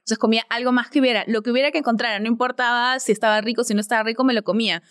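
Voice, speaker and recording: Woman talking quick on a podcast, kinda high voice, dry close sound. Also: no room sound. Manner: fast, animated storytelling. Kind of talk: casual chat.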